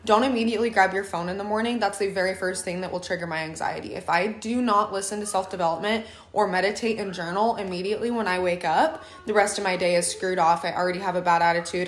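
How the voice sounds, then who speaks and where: On a casual livestream, a young woman who is both a mom and a team leader gives heartfelt advice from her kitchen at home. A lingering cough makes her mid-range voice hoarse and scratchy. The phone camera sits at arm's length, picking up echoey room sound.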